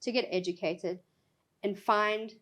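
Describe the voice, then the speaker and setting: A woman's voice: medium pitch, steady tone, normal speed, a bit bright. Enthusiastic woman guest talking shop. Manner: emphatic, enthusiastic, laughs easily. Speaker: regional sales director, guest. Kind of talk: casual interview chat.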